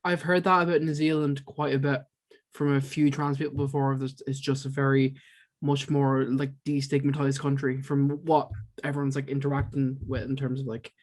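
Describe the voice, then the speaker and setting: A man's voice: medium pitch, little pitch movement, normal speed. A man co-hosting an interview, asking questions casually and hesitantly with lots of "like".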